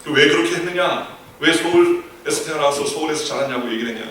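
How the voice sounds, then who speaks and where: A man's voice: on the high side, fast, a bit bright, slight background noise. A middle-aged man preaching as senior pastor, telling a story in an earnest, explanatory way in a church. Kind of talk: sermon. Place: church sanctuary. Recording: echoey hall, voice from a distant mic.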